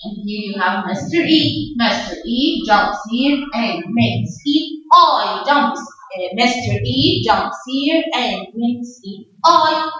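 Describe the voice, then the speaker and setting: A woman's voice: on the high side, expressive, takes it slowly, a bit bright. A woman with an Egyptian accent teaching a phonics lesson to young children, chanting sounds in a sing-song way and asking the class questions. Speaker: kindergarten English teacher. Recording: distant, echoey, dull classroom recording.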